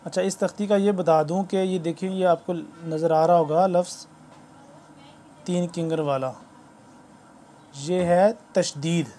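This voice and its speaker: A man giving a spoken lesson on Quran letter reading, patiently explaining and slowly spelling out letter drills aloud. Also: high-pitched, steady tone, dark tone, a little hiss or hum. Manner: formal greeting to viewers.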